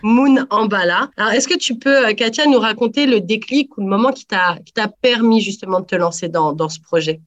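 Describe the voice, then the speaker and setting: A woman's voice: mid-range voice, brisk, few pauses. A woman interviewer asking long, carefully hedged questions.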